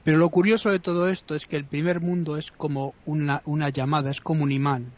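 A man from talks in a casual discussion, hesitating and restarting often. His voice sits slightly high, in a slightly muffled recording. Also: level tone, fast talker.

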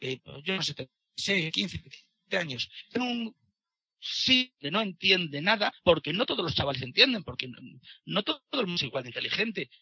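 A man's voice: sits high, big pitch swings, normal speed, bright, forceful tone, breathy edge, dry recording, dull audio. A man speaking in a discussion, indignant and hesitant, often restarting his sentences. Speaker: participant in a discussion. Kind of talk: casual debate talk.

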